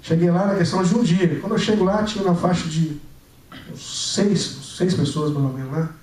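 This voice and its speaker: A young man preaching a sermon, telling a personal testimony with lively storytelling and acted-out dialogue, recorded in a church. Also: high-pitched, normal speed. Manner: animated storytelling, acting out dialogue. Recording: echoey church hall, mic at a distance.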